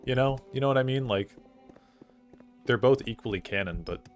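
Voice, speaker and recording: A young man streams a game and talks through it casually, responding to chat and thinking aloud with many "like" fillers. His voice is medium-pitched at a moderate pace, with faint music in the background.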